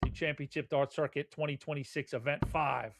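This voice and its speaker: A man's voice: on the high side, steady tone, fairly quick, vocal fry. A man giving live darts commentary in a conversational, folksy way. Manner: conversational, folksy turns of phrase.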